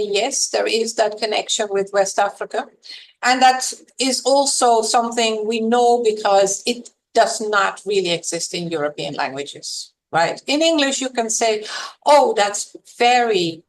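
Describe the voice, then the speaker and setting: A woman professor appears as a guest on an interview podcast, explaining her points in a measured, lecture-like manner with some fillers. Her voice is on the high side, and the recording is rough.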